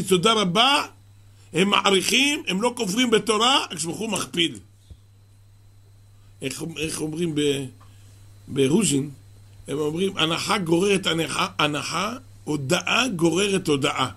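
Casting note: man, religious teacher, high husky voice, lively storytelling sermon. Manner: animated storyteller, asks the listener questions. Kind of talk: Torah sermon with a parable.

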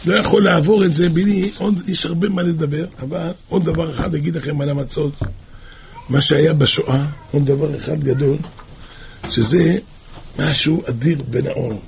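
A man giving a religious sermon, telling a tale with dramatic swings between shouting and hushed speech. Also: a little high, vocal fry, a little hiss or hum. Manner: dramatic storyteller, shouts and drops to near whisper.

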